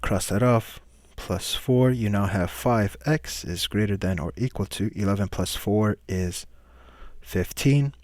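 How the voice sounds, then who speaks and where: A man's voice: fairly low pitch, unhurried, a little mellow, dry recording. A man teaching a recorded math lesson, patiently walking through each step and asking questions he then answers himself.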